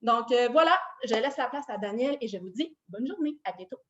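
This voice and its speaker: A woman's voice: fairly high pitch, lively intonation, fairly quick, a little hiss or hum. A woman giving an upbeat, reassuring announcement to residents as manager. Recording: dull lo-fi video sound.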